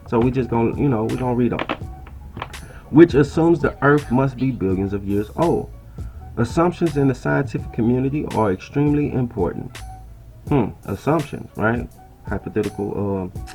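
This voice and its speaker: Sitting indoors at a laptop, this man reads an article out loud and comments on it in a relaxed way, repeatedly tossing in "right?" and addressing listeners as "bro." He speaks in a mid-range, slightly mellow voice.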